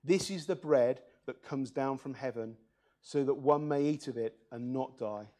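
A man's voice: medium pitch, measured pace, darkish tone. A man preaching a church sermon, reading scripture aloud and putting earnest questions to the congregation.

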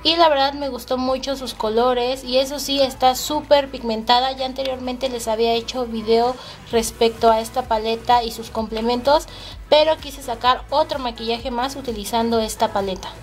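Mexican woman, makeup tutorial host, fairly high voice, chatty, soft music behind. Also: steady tone, normal speed. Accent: Mexican Spanish. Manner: chatty, addresses viewers as girls.

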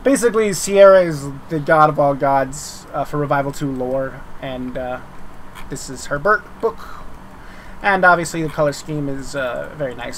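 Guy rambling casually about game updates, voice a bit on the high side, some faint noise behind him. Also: fairly bright tone. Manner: rambling, informal, circles back on words. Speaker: game developer and streamer. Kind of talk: casual unscripted update commentary.

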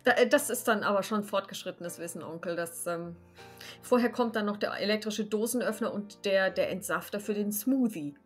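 Female player, mid-pitched, dry in-character delivery, faint background music. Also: normal speed. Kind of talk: in-character tabletop role-play. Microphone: video call.

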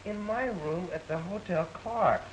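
An actor playing a flustered, mild-mannered young husband in 1940s screwball comedy banter, stammering and fussily polite, on an old film soundtrack. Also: male voice, high voice, unhurried, a little hiss or hum, rough recording. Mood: flustered, pleading.

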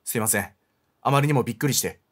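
A man reading aloud the lines of a kind, polite young man in a horror game, calm and subdued. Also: mid-range voice, racing, pitched below the performer's own voice, natural voice. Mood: gentle.

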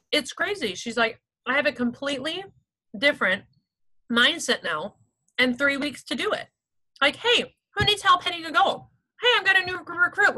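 High, bright-voiced upbeat woman. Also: low-quality recording. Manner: upbeat, chatty, many "like" and "okay" fillers. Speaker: sales team director leading a meeting. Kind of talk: motivational team meeting talk.

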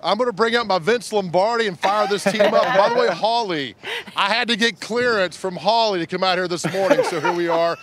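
A man's voice: high-pitched, fairly quick, a bit bright, slight background noise. A middle-aged man doing a casual live TV morning report and interviews outdoors into a handheld mic, with a folksy, joking manner. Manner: jocular, folksy. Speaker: TV field reporter. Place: outdoor soccer field. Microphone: handheld reporter microphone.

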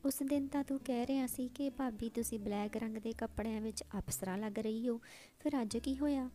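A woman's voice: a little high, a little fast, mellow, natural voice. A woman voicing a teasing young sister-in-law. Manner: playful, coaxing delivery.

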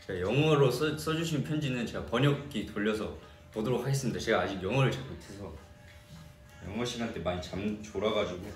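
A man's voice: lowish voice, brisk, faint music behind. Young man chatting with fans, echoey room. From Jeolla region, Korea. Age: young adult. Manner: chatty, reads and answers fan comments. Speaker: idol singer hosting a fan livestream. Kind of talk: casual livestream chat. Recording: echoey room, distant mic.

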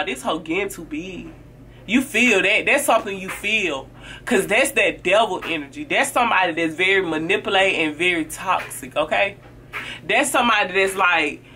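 A woman vlogger talks to camera in a mid-range, sharp-toned voice, handing out blunt, sassy advice about fake friends. She casually acts out what those friends say, using quoted voices. There's slight background noise.

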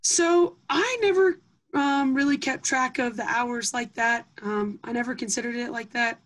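A woman's voice: a little high, a little slow, fairly bright tone, rough recording. A young woman from Iowa answering interview questions about her project, talking earnestly with many ums and restarts. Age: young adult. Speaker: interviewee, Gold Award scout.

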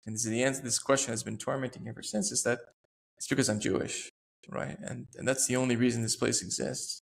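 A man's voice: medium pitch, fairly even intonation, quick pace, gravelly. A man in his thirties, a podcast host telling a personal story in an earnest, reflective way, often searching for words. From United States.

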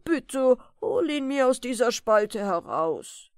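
A woman voicing a big, friendly, good-natured male giant in a bedtime audiobook, drawing out her words slowly and loudly. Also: expressive, smooth, no room sound, studio quality. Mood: friendly, pleading. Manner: slow, drawn-out, booming delivery.

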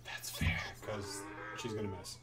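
A man's voice: a little slow, distant mic, heavy background noise. A man hosting a casual gaming session, teasing the other players with jokey mock exclamations. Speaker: gaming channel host.

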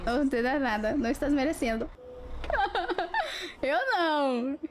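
A woman's voice: high voice, expressive, unhurried, background noise. A woman, chatting playfully with viewers on a live stream through a webcam, teasing and giggling.

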